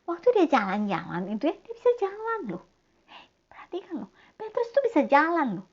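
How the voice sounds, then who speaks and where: A woman telling a Bible story to children in a lively way, speaking to them directly and acting out the voices. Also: high-pitched, fairly quick. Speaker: Sunday school teacher. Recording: dull lo-fi sound.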